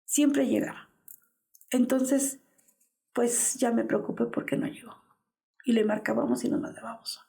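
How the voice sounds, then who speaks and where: Fairly high but with little pitch movement, this creaky, dark-toned voice moves at a normal speed. It belongs to a fifties-aged woman with a Mexican Spanish accent who, interviewed as the mother of a missing man, gives anguished personal testimony and acts out what was said.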